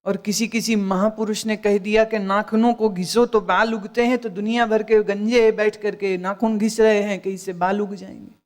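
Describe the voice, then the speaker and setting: A woman's voice: mid-range voice, flat delivery, moderate pace, few pauses, darkish tone. A woman spiritual teacher giving a discourse, scolding with rhetorical questions and dropping in English phrases.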